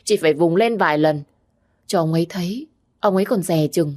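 A woman's voice: lowish voice, a little fast, darkish tone, lightly acted. Woman reading a fierce, blunt young village woman. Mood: firm caring. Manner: blunt scolding.

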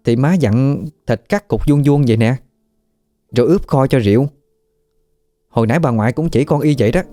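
A man voicing a meek young wife who answers softly and apologetically. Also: medium pitch, a little fast, no echo, soft background music, voice pushed up, natural voice. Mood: apologetic.

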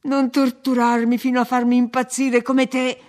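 A woman reading the part of an anguished young man, shouting in tormented, intense lines. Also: sits high, flat delivery, moderate pace, voice pushed up, natural voice.

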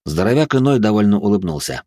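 Man, fantasy audiobook narrator, low voice, measured, dry studio sound. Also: animated, warm tone, dry recording.

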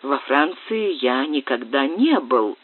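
A man's voice: mid-range voice, very animated, slow, breathy edge, heavily acted. Man playing a proud, coolly formal young lord. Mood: measured. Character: young English lord, proud, wounded, cool. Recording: tinny phone-like sound, dry.

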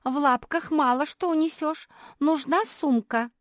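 A tearful little female dog from a storybook whines in a high, squeaky voice, close to crying, as a woman reads her part. Her pleading is loud and strained, and the recording is dry and close. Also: unhurried, no room sound. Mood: sobbing. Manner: whiny, pleading, close to tears. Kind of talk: audiobook character voice.

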